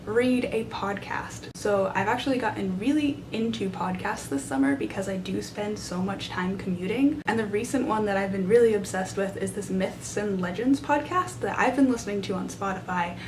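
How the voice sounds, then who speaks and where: This young woman book vlogger speaks at a normal speed, barely pausing, as she enthusiastically and casually addresses the camera held at arm's length. She's recording indoors in a small side room of a library, where there's noise and a low rumble.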